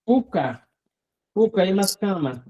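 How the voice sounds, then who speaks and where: A man leads a language lesson at an unhurried pace. His voice is mellow and soft-edged, and his pitch moves a lot as he repeats words and checks in with his students. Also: very animated, low-quality recording. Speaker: Quechua language teacher.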